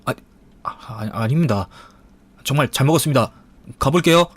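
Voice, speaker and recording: A man's voice: mid-range voice, animated, normal speed, no room sound, natural voice. A man voicing an idle, sulky young brother-in-law who whines and dodges. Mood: flustered. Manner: whiny, evasive.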